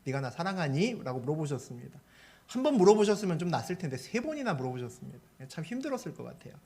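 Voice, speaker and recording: Animated male pastor preaching. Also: fairly high pitch, very fast, gravelly. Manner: animated storytelling, asks the congregation questions. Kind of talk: sermon.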